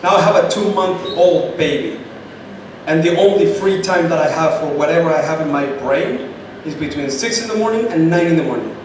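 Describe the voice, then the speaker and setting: A man with a Chilean Spanish accent answers questions as a guest at a startup event, speaking emphatically and repeating points for stress. His voice is on the high side and fairly quick, recorded in an echoey, distant, noisy room.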